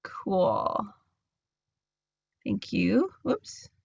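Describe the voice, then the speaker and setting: A woman giving a casual talk over a video call from inside a camper van, nervous and halting with many fillers. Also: mid-range voice, wildly swooping pitch, creaky, darkish tone, slightly rough, no room sound. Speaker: guest speaker. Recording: dull dry video call audio.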